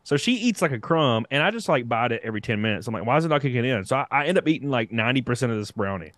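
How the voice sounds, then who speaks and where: A man's voice: mid-range voice, expressive, rapid-fire, fairly bright tone, no room sound. A man in his thirties casually telling a rambling story on a podcast and laughing at himself. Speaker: podcast guest.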